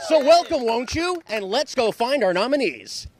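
Man, high voice, exuberant award host, handheld mic, crowded office noise behind. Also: sing-song, moderate pace, a loud crowd. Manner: exuberant, cheery, jokey, shouting cheers. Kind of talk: comic surprise announcements. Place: offices, library and meeting rooms indoors. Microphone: handheld microphone.

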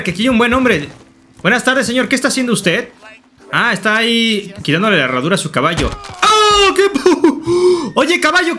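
A man with a Mexican accent giving playful, joking let's play commentary with loud excited outbursts. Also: extremely high pitch. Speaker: gaming YouTuber.

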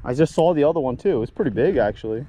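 A man vlogging a fishing trip outdoors, chatting casually and exclaiming excitedly at every fish. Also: medium pitch, fast. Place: outdoors by the water. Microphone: action camera.

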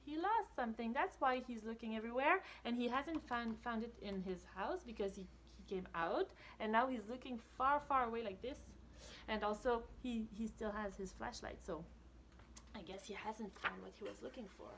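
A woman in her thirties reads a picture book aloud to children in a small indoor room with a brick wall, expressively, adding casual whispered asides and questions for her listeners. Her voice is a little high at a normal speed, and the poor audio carries a little hiss or hum.

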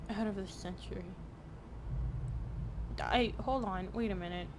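A man's voice: high voice, measured pace, over loud music. A young man streaming a game, rambling and thinking aloud as he talks over the scenes. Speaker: gaming streamer. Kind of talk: let's play commentary. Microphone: headset.

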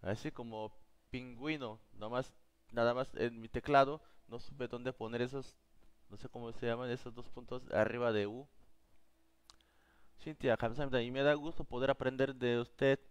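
A man's voice: medium pitch, fairly even intonation, brisk, clean tone. A man with as his teaching a live online class, patiently answering viewers' questions. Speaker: Korean teacher.

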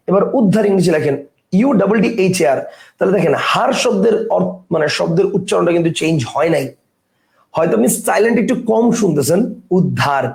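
A man teaching a grammar lesson, explaining step by step and often asking whether the point is clear. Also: high-pitched, a little mellow, reverberant.

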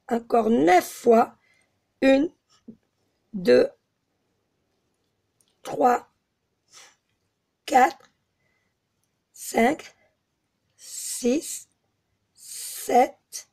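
A slightly hoarse woman giving a step-by-step crochet tutorial, patiently counting stitches aloud. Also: high-pitched. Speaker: crochet teacher.

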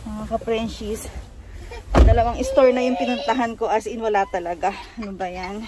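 A woman's voice: a little high, steady tone, a little slow, very noisy. A woman talking through a face mask as she vlogs from shops, chatting casually and speaking straight to her viewers. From Philippines. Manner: chatty, addresses viewers directly. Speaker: vlogger. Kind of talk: casual vlog chat. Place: shops in Japan, on the go. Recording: loud music playing over the voice.

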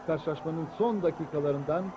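A man commentating on football highlights, raising his voice excitedly for goal calls. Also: normal speed, lo-fi sound, music in the background. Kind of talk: broadcast match highlights commentary. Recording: noisy 1990s TV broadcast, loud stadium crowd. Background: roaring stadium crowd.

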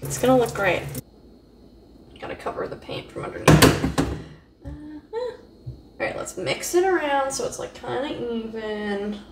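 A woman's voice: on the high side, expressive, unhurried, long pauses, heavy background noise. Chatty young woman in an echoey kitchen. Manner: chatty, self-deprecating, jokey. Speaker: art vlogger. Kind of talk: casual chat while painting. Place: home kitchen with a running dishwasher. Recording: echoey room, mic a bit far off.

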